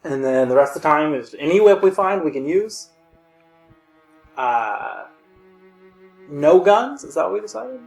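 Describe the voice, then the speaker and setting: A man's voice: a little high, animated, measured pace, vocal fry, long pauses, faint music behind. A man co-hosting a let's play, chatting casually and explaining the rules of the run.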